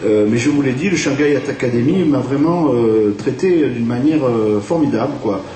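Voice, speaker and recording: A native French speaker from France, a theatre director, talks at normal speed in a mellow, mid-range voice during a radio interview. He restarts often and leans on fillers, and the recording has a distant, echoey room sound with faint hiss.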